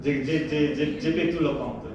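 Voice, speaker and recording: A man with a foreign accent in French, giving an informal live presentation haltingly, repeating and searching for his words. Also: on the high side, muffled recording. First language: not French. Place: echoey room, presenting to a group. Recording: echoey, distant, noisy room.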